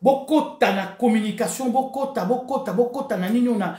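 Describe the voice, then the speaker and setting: A Congolese woman from the DRC speaks in a high-leaning, mellow voice, a little fast, in a roomy-sounding space. The online political commentator addresses her followers in an impassioned rant, going back and forth between French and Lingala and emphatically repeating phrases to spur them on.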